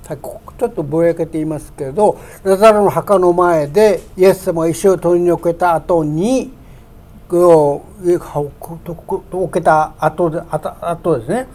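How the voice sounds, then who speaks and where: Speaking at medium pitch with a slightly mellow quality, a pastor preaches in a church sanctuary. He slows to read scripture aloud and raises his voice emphatically on key words.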